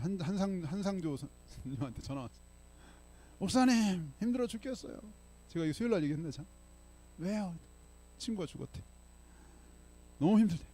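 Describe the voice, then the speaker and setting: The voice is mid-range, gravelly and warm: an older man delivering a sermon as pastor in a church sanctuary. He tells stories in a conversational way and keeps checking in with listeners using "예?"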